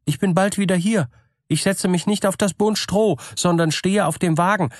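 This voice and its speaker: A man voicing a gullible old-fashioned peasant woman in a fairy tale, high-pitched and trusting. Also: normal speed, dry recording, clean studio sound, close to an everyday voice. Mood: earnest.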